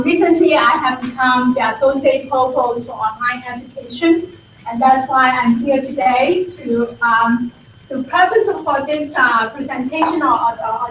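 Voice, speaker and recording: A woman's voice: high-pitched, fairly bright tone. A middle-aged woman, a university administrator, addressing a student meeting politely and searching for her words. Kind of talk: formal presentation to a meeting. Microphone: distant camera mic. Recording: echoey room, distant mic, faint noise.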